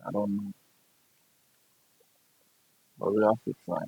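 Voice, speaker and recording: Gravelly low-voiced Nigerian man. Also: level tone, slow pace, a little mellow, no echo. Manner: blunt, profane, repeats himself. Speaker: gaming streamer. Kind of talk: casual ranting chat. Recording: dull lo-fi dry sound.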